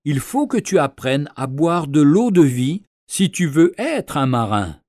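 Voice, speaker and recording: A man's voice: a little high, very animated, a little slow, darkish tone, dry recording, studio quality. A man playing a stern barking sea captain. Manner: barking orders, harsh. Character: stern gruff ship captain, middle-aged man.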